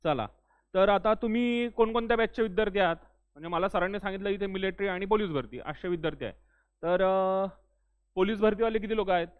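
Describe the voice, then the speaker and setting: A man's voice: sits high, brisk, clear, resonant tone. A young man teaching a classroom lecture in a friendly way, often saying "ठीक आहे" and urging students to speak up. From Maharashtra. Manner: loudly urges students to speak up. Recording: tinny phone-like recording.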